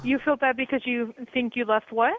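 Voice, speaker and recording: A woman's voice: a little high, steady tone, moderate pace. A woman working at a hotel front desk, answering a phone call patiently and reassuringly. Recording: tinny phone line.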